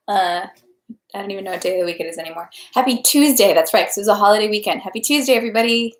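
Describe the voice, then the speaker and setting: A fast-talking woman with a mid-range voice hosts a livestream where she reads aloud, her informal chat echoing around an indoor room. She rambles and interrupts herself before settling into audiobook-style reading.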